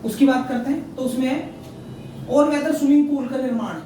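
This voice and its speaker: A man's voice: very high-pitched, normal speed. A man teaching an exam prep lesson, asking questions and answering them himself and repeating each fact. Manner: repeats facts, quizzes himself, frequent "theek hai na". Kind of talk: current affairs lesson. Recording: very echoey room, mic far off, faint noise.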